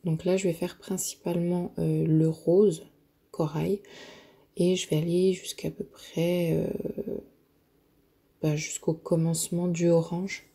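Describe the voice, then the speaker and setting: A woman narrating a makeup tutorial, hesitant and full of filler pauses, often dropping to a near-whisper while she works. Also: fairly low pitch, level tone, vocal fry, warm tone, husky. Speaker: beauty vlogger.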